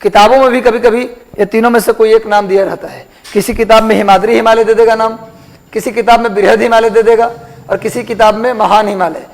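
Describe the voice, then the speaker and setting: In a poorly recorded geography class, a man with a high, steady voice talks a little fast. He goes over terms repeatedly and puts questions to the students as he lectures.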